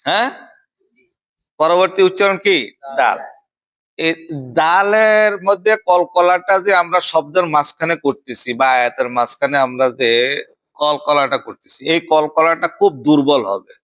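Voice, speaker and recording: A young male Quran teacher leads a recitation drill. He chants verses in long, drawn-out lines, then explains pronunciation in a bright, clear voice. He keeps the lesson moving by asking his student short questions. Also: fairly high pitch.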